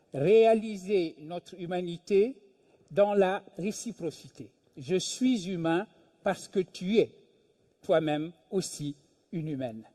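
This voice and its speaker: An older man from Senegal, a philosophy professor, giving a measured, deliberate public talk with emphatic pauses. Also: high-pitched, warm tone. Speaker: invited speaker, philosophy professor. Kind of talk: lecture at a public event.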